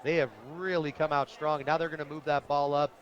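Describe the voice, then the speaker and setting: Calling a football game live from a stadium, an American radio play-by-play announcer gives enthusiastic, descriptive commentary outdoors. His fairly high voice moves little in pitch and runs brisk. The outdoor radio broadcast sounds dull and lo-fi.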